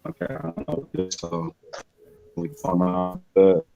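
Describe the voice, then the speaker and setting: A man's voice: low-pitched, flat delivery, takes it slowly, mellow, highs cut off, faint music behind. Give me a man whose call connection keeps breaking up. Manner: casual, filler-heavy, reads scripture references. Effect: choppy call connection breaking up. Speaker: Bible study caller reading commentary. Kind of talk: casual call reading aloud.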